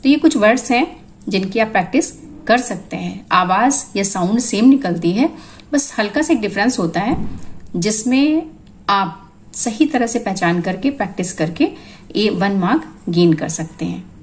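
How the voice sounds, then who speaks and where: Woman going through spelling lists, word by word, steady teacher voice. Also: medium pitch, moderate pace, low-quality recording. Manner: lists words one by one, explaining rules. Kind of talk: spoken spelling lesson.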